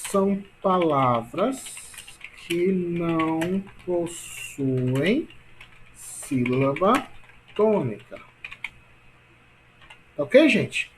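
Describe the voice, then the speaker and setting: Higher-voiced man teaching a grammar lesson. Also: a bit bright. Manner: repetitive, filler-heavy explaining with frequent tag questions; stretches key words slowly for emphasis.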